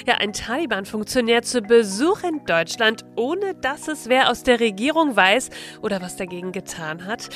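A woman's voice: on the high side, fairly bright tone. A woman presenting a casual news explainer, talking straight to her viewers with ironic asides. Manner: chatty, ironic asides, frequent "ja".

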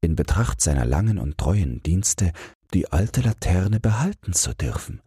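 A man narrating a fairy tale as a calm, soothing bedtime audiobook. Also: low voice, a little slow, breathy edge, no room sound, studio quality.

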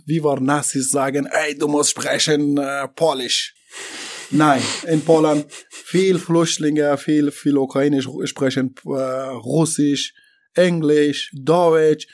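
Man from Afghanistan, halting broken German. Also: a little high, flat delivery. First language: not German. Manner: halting, broken German with many fillers and restarts. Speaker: interviewee. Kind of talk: interview about his deportation.

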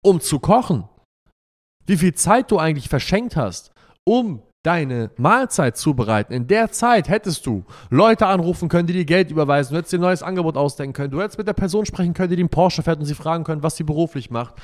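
A young man who talks about money and lifestyle rants through a brash, profane, provocative monologue, mocking and emphatic. His voice is a little high, expressive, and a little fast.

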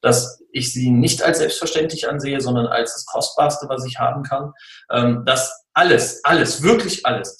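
A man in his forties telling his own story in a casual interview, earnest and halting, with many fillers. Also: mid-range voice, fairly bright tone, echoey room, poor audio. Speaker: guest, personality and sports mentor.

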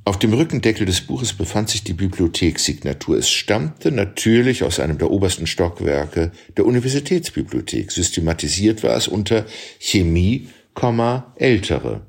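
A man reading a literary novel aloud as an audiobook, with measured, expressive storytelling. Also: deep voice, gravelly, breathy edge. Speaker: audiobook reader.

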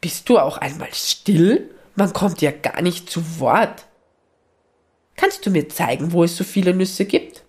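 A woman's voice: on the low side, lively intonation, unhurried, a little mellow. A woman voicing an impatient female squirrel who cuts others off bluntly. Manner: blunt, curt interrupting.

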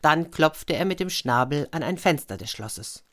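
A woman with a very low-pitched voice reads a fairy tale aloud. She speaks in a chatty, friendly manner and slips in asides to her listeners. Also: animated, moderate pace. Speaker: storyteller.

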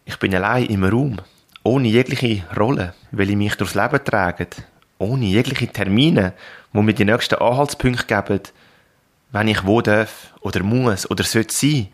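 A man with a Swiss German accent and a fairly low voice narrates in a calm, reflective way. He speaks straight to the listener like a coach, in scripted podcast style. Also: moderate pace.

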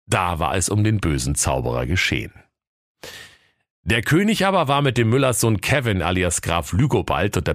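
A man narrating a comic fairy tale in a deadpan storytelling manner. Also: deep voice, no room sound, studio quality.

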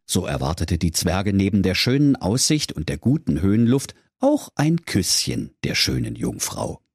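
A man's voice: on the low side, darkish tone, husky, no room sound, clean studio sound. A man narrating a comic fairy tale in a mock-solemn storytelling manner.

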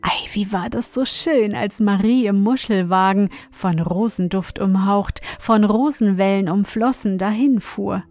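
A woman reading a fairy tale aloud to children in a gentle storytelling manner. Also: medium pitch, measured pace, hardly any pauses, dry recording, soft background music.

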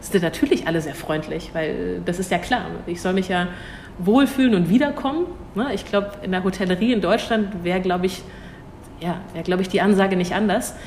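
A thoughtful young woman, a cultural attaché at an embassy, answers interview questions in a fairly low, a little mellow voice and at a slightly fast pace. She hesitates, restarts often and laughs easily, with slight background noise.

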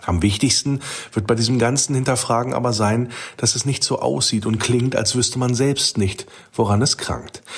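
Male commentator, husky voice, low-pitched, scripted critical commentary. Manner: critical, analytical. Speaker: podcast commentator.

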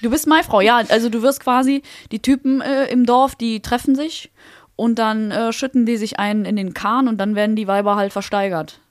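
A woman's voice: a little high, normal speed, no room sound. Chatty woman, dry close sound. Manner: chatty storyteller, lively and blunt. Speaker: podcast co-host. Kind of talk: casual chat.

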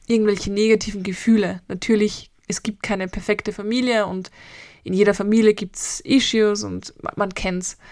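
A woman in her late twenties with an Austrian accent speaks in a reflective solo podcast, drifting from thought to thought and pausing to hesitate. Her voice is mid-pitched and the recording is dry and close, with no room sound. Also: dry recording. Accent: Austrian German. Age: 20s. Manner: rambling and personal, with frequent hesitations. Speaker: mental coach and podcast host.

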